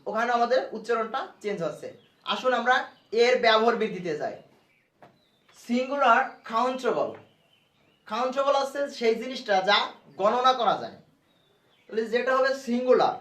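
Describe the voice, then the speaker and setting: A man's voice: very high-pitched, a bit bright. A man tutoring English grammar at a board, explaining each rule step by step and repeating the key points. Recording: echoey room, voice from far off the mic.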